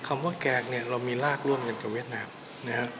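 Relaxed man tasting food, musing aloud. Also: medium pitch. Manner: relaxed, musing, with polite particles and frequent pauses. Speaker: travel vlogger. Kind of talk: casual food-tasting vlog. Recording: clear background noise.

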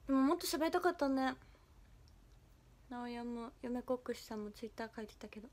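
A woman's voice: a little high, fairly quick, a little mellow, slight background noise. A young woman hosting a livestream, chatting playfully and bashfully with viewers and giggling as she reads their comments. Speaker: idol livestream host.

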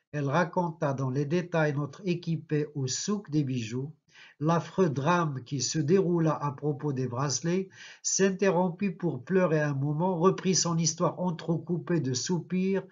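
Man, literature teacher, reads a novel aloud and explains it, slightly high voice, muffled recording. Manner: slow, deliberate, pausing to explain figures of speech. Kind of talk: reading a novel aloud with commentary.

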